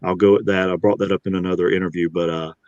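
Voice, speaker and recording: A man's voice: sits low, flat delivery, fast talker, darkish tone, no echo, dull audio. A middle-aged man, an actor, talking in an interview in a rambling, upbeat way with many restarts. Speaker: actor and guest. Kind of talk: interview conversation.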